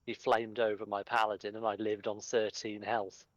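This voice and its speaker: A man's voice: fairly low pitch, little pitch movement, moderate pace, dull audio. A man chatting on a stream with a friend, making dry teasing remarks. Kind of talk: casual chat.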